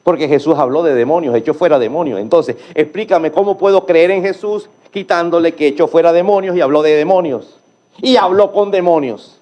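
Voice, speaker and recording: Delivering a sermon, a man poses emphatic rhetorical questions, alternating hushed, low phrases with loud calls that rise.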